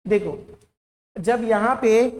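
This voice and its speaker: A woman's voice: a little high, takes it slowly, darkish tone. Patient Hindi-accented woman teaching spelling. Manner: patient, repeats each word and checks in with the class. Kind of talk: classroom lesson.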